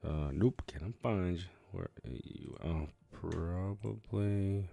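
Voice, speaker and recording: A man's voice: low-pitched, slow, gravelly, warm tone. A man hosting a casual game livestream, chatty and muttering to himself as he sets things up. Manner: chatty, talks to himself while setting up. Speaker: game streamer host.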